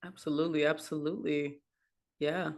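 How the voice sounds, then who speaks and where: A woman's voice: sits low, fairly even intonation, normal speed, a little mellow. A woman hosting an online panel talk show over a video call, upbeat and loose, with many fillers. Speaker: host.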